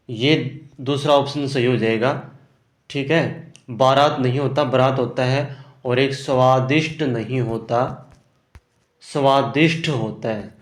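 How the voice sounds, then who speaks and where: A man teaching Hindi grammar for an exam, working through answer options and often checking "ठीक है ना". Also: mid-range voice. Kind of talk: exam prep lesson. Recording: roomy echo.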